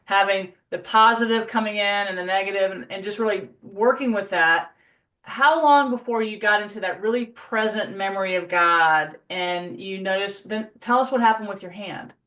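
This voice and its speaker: A woman's voice: mid-range voice, moderate pace, fairly bright tone. A woman hosting an interview, affirming and encouraging her guest as she asks questions. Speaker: host.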